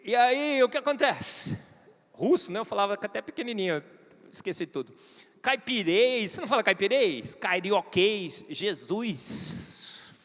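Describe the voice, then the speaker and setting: A man's voice: high voice, animated, moderate pace, fairly bright tone. A man with a Brazilian Portuguese accent giving a humorous, irreverent conference talk in a church, addressing the audience directly. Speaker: conference speaker. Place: large church hall. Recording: long hall reverb.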